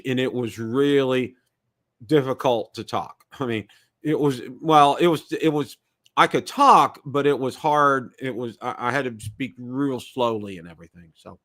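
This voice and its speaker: A man's voice: mid-range voice, a bit bright. A middle-aged man hosting a casual live stream, talking in a rambling, chatty way with many fillers and restarts, with temporary teeth after oral surgery. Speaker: host of a live drone show.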